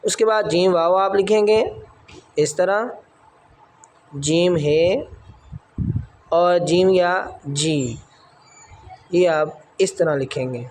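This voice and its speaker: A man's voice: high-pitched, pauses often, a little mellow, slight background noise. A man teaching a calligraphy lesson, patiently explaining each stroke as he writes. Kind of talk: step-by-step writing lesson.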